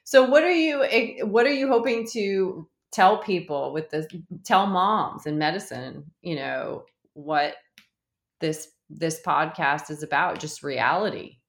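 A woman hosting a podcast, reacting quickly, laughing along and asking her guest questions. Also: deep voice, gravelly. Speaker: podcast host. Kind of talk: casual interview chat. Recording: roomy echo.

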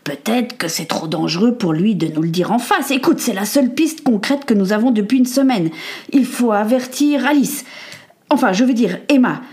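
A woman's voice: on the high side, moderate pace, darkish tone, close to an everyday voice. A woman voicing an eager middle-aged husband who talks in raised, stammering bursts. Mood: urgent.

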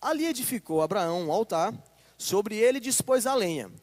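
A man with a Brazilian Portuguese accent preaching a sermon, reading scripture slowly and with emphasis and checking in with the congregation. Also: high voice, animated. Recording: long hall reverb.

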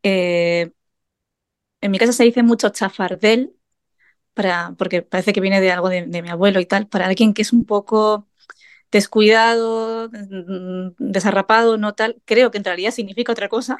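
A woman guest sharing family expressions in a soft, hesitant way. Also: medium pitch, steady tone, moderate pace, smooth, dry recording, studio quality. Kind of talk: casual chat.

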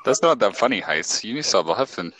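A man's voice: mid-range voice, fairly bright tone, a little hiss or hum, poor audio. A man chatting casually on a group voice call, joking and teasing his friends. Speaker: podcast co-host.

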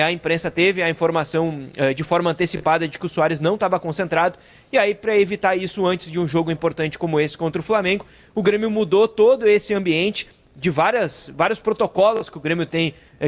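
A man giving a live, unscripted sports report, explaining things with hesitant pauses. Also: high-pitched. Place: inside a hotel, live on camera.

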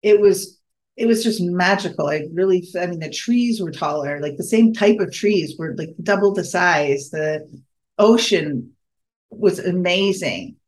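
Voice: mid-range voice, a little slow. Enthusiastic podcast host rambling. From United States. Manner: enthusiastic, rambling, self-correcting. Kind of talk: casual solo podcast monologue.

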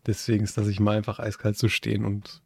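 A man's voice: fairly low pitch, completely flat delivery, fast talker, creaky, husky. A young man co-hosting a podcast, teasing his partner with dry remarks, crude jokes and short interjections. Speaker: podcast co-host. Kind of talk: casual chat.

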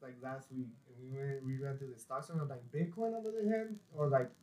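A young man co-hosting a casual podcast chat, animated and self-mocking, swearing freely. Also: mid-range voice, fast talker. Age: young adult. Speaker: podcast co-host. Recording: roomy echo.

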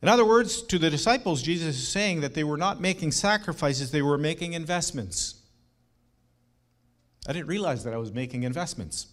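A middle-aged man preaching a sermon, earnest and emphatic, with rhetorical questions and warm personal asides to the congregation. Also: on the high side, animated, normal speed. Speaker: pastor.

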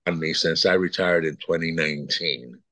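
A Puerto Rican man in his sixties chats casually as a guest artist in an interview, rambling, repeating words as he thinks, and chuckling between thoughts. His bass voice is fairly bright and moderately paced, with no echo.

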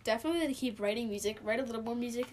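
A woman's voice: on the high side, racing, a little mellow, a little hiss or hum. A teenage girl chatting casually, teasing her friend and laughing a lot. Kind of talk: casual chat.

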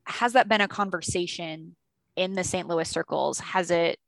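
A woman's voice: on the low side, moderate pace, gravelly, dry recording. A woman hosting an interview, curious and stacking several follow-up questions. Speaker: host.

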